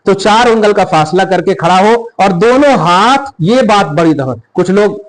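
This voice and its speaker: Man, high voice, emphatic religious teacher, step-by-step explanation. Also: animated, normal speed, rough recording. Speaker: Islamic scholar teaching prayer. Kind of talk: religious instruction in a podcast conversation.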